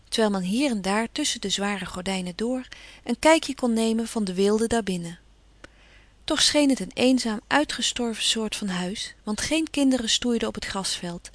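A woman reading a classic novel aloud in a measured, even storytelling manner. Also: on the high side, dry recording. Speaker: audiobook narrator. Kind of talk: scripted narration.

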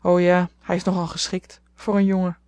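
A woman's voice: fairly low pitch, flat delivery, normal speed, a little mellow, dry recording, natural voice. A woman voicing a sensible eldest sister who speaks earnestly and in a commanding way.

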